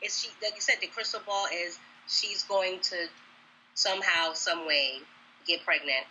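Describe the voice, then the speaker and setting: Sharp-toned, earnest woman co-host. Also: fairly low pitch, unhurried, a little hiss or hum, rough recording. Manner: agreeable, earnest, emphatic. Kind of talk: casual chat.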